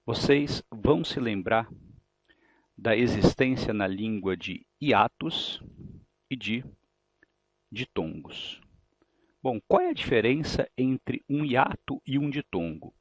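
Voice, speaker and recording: A man's voice: mid-range voice, expressive, slow pace, pauses often, no room sound. A Brazilian Portuguese-accented man teaching a grammar lesson for exam prep, explaining patiently and asking rhetorical questions. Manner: explanatory, asks rhetorical questions, repeats key points.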